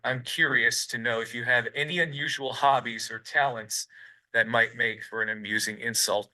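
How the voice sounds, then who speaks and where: A computer-generated male robot voice gives long, evenly built answers in an interview. Its tone is strongly bright and sharp, and its phrasing sounds stiff and scripted. Every line keeps the same synthetic robot sound. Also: medium pitch, poor audio.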